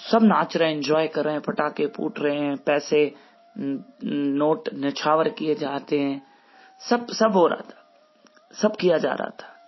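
A man narrating a devotional story in a folksy, repetitive storytelling manner. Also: fairly high pitch. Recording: muffled recording with faint music.

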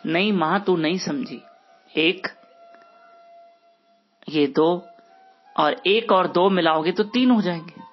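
A man voicing a boastful, educated young son in a told story, with a husky voice and a dull lo-fi recording with faint music behind. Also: sits high, slow pace, long pauses.

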